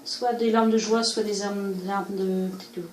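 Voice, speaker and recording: A woman doing a solo oracle card reading, musing aloud and pausing often with hesitations as she interprets each card. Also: medium pitch, flat delivery, a little mellow, roomy sound, poor audio. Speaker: card reader. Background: faint background music.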